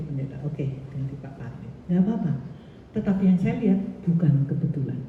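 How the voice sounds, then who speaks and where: A woman's voice: on the low side, slight background noise. A woman pastor giving a chatty sermon full of stories and quoted voices. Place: church hall. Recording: echoey hall from far off, dull.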